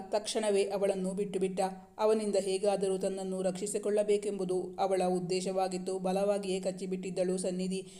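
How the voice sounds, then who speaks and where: High, flat-voiced male storyteller. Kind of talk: scripted narration of a romance novel.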